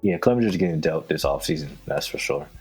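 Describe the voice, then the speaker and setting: A man co-hosting a podcast, chatting casually and excitedly about his team, bragging with frequent laughs. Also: very deep voice, fast, husky, faint music behind, low-quality recording. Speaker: podcast co-host. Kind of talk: casual sports chat.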